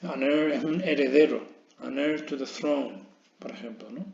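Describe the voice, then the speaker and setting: Gravelly man teaching English grammar. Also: medium pitch, a little slow, darkish tone. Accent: Spanish. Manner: explains step by step, often checking with "¿vale?". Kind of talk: recorded grammar lesson. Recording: echoey room, dull lo-fi sound.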